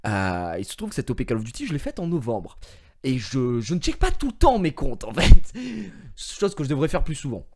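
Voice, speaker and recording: A male streamer telling a story to his viewers in an expressive way, swinging from mumbling to shouting and swearing, on a headset mic. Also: mid-range voice, a little fast. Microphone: gaming headset.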